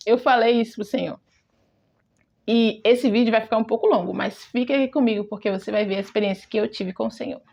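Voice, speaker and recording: High-voiced Brazilian woman giving testimony. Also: steady tone, quick pace, gravelly, a little mellow. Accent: Brazilian Portuguese. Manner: heartfelt, talks straight to the listener. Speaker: devotional speaker. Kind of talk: personal testimony devotional. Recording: dull lo-fi recording.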